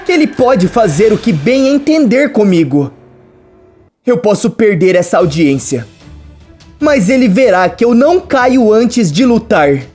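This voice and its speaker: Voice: mid-range voice, very animated, a little slow, a little mellow, faint music behind, voice pushed up. A narrator reading a defiant young heroine, firm and sarcastic.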